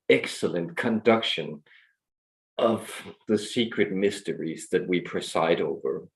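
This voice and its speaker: A man channels an otherworldly alien guardian in a low voice. The delivery is slow, measured and formal, like an ominous, grandiose proclamation from a collective of star beings. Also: low-quality recording.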